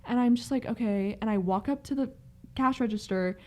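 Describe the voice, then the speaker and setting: A woman's voice: a little high, brisk, dark tone. A young woman co-hosting a podcast, telling a rambling story in casual chat and leaning hard on "like". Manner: rambling storyteller, heavy "like" filler. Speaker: podcast co-host.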